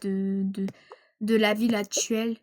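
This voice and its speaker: A woman's voice: mid-range voice, flat delivery, a little slow, a little mellow, a little hiss or hum, close to an everyday voice. A woman voicing a curious teenage girl friend who asks questions casually. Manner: inquisitive, casual.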